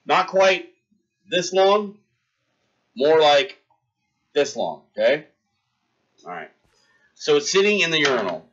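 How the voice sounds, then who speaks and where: A young man hosting a livestream tells a rambling story in casual chat, talking to his viewers and shouting out followers. His voice is a little high with big pitch swings, slow and full of pauses, and the audio sounds dull.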